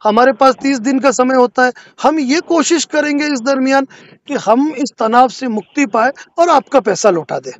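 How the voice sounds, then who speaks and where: Heard through a dull, lo-fi phone line, a lawyer explains a man's loan default matter persuasively, insisting again and again that he be heard. The recording is dry, and his very high-pitched voice moves at a normal pace.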